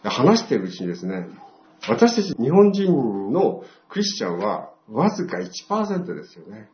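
A man's voice: medium pitch, wildly swooping pitch, normal speed. An older man giving a church testimony, telling his story and acting out the dialogue. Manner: storytelling, acts out quoted dialogue. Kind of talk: testimony talk to a congregation. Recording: roomy, dull lo-fi sound.

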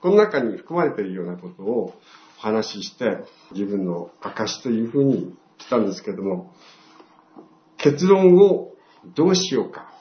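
Older man, church testimony, lively storyteller, echoey muffled hall recording. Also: fairly low pitch, normal speed. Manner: storytelling, acts out quoted dialogue. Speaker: church member giving testimony. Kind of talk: testimony talk to a congregation. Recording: roomy, dull lo-fi sound.

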